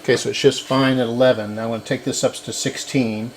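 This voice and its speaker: A man with a medium-pitched, fairly flat voice talks fast as he hosts a repair channel. He gives a casual repair demonstration, narrating each step as he works.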